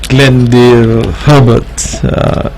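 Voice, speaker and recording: Male talk show host, Caribbean accent, formal and polite, mid-pitched with vocal fry, slight background noise. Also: level tone, darkish tone, poor audio. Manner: courteous, formal, deliberate phrasing. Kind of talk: formal radio interview hosting.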